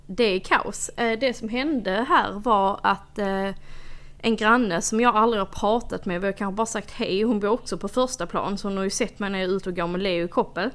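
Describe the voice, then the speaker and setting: A woman's voice: medium pitch, a bit bright. A young adult woman co-hosting a casual podcast. She tells a story with animation and acts out the quoted dialogue. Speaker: podcast co-host.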